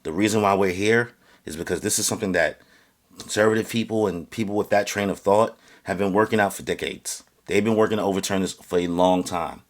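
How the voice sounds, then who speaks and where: This vlogger is a man venting his opinion to camera in an earnest, halting way, with lots of fillers and false starts. His intonation stays fairly even, though he gets louder and higher as he warms up.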